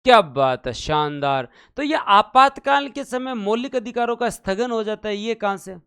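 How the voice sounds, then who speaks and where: A man's voice: high voice, animated, normal speed, fairly bright tone, clean tone. A male teacher giving a live online exam-prep lecture, quizzing his viewers with repeated questions and chanting numbers to drill them. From India.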